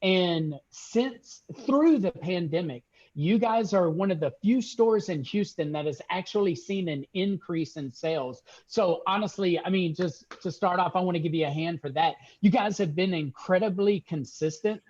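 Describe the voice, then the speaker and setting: Man, fairly high voice, upbeat, praising, business video call, muffled lo-fi audio. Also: moderate pace, hardly any pauses, darkish tone. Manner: upbeat, praising, fills with uh and restarts. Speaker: regional sales manager.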